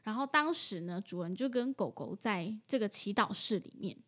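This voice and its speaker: A woman's voice: medium pitch, expressive, moderate pace, a bit bright. A woman who works at an animal hospital, telling a story in a casual chat and laughing often.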